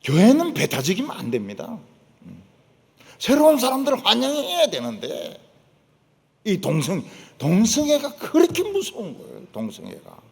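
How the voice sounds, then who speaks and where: An older man preaching, emphatic, repeating his points and dropping to low asides. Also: wildly swooping pitch, normal speed, vocal fry. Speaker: pastor. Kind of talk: sermon. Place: church sanctuary. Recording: long church hall reverb.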